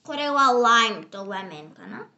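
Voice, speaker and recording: A woman's voice: fairly high pitch, animated, moderate pace, pushed and bright, muffled recording. A young girl casually reviewing candy at a home table, chatty and giggly, now and then slipping into English phrases. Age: child.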